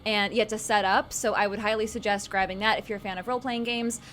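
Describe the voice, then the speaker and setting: A woman's voice: medium pitch, fairly even intonation, fast talker, fairly bright tone. A woman co-hosting a streamed tabletop game, explaining the rules in a chatty, friendly way. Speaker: co-host.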